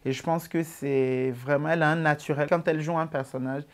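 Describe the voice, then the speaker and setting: A twentysomething man from Ivory Coast, with an Ivorian accent, answers interview questions about his comedy in a laid-back way, using lots of fillers. His voice sits fairly high and he talks a little fast.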